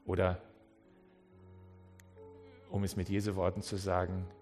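A man's voice: deep voice, monotone, a little slow, darkish tone, faint music behind. A man preaching a sermon with passion, often acting out the people he quotes. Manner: passionate, acts out quoted speech, many restarts.

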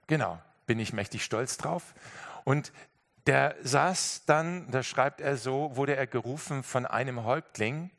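A man preaching to his congregation in a mid-pitched voice. He tells a story with emphatic, lively delivery and often speaks straight to his listeners. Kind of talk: sermon with storytelling.

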